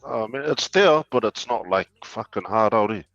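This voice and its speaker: A man from Samoa chatting casually as a musician guest, relaxed, with lots of fillers and swearing. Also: lowish voice, normal speed, vocal fry, no echo. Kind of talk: casual chat. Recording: dull, dry lo-fi sound.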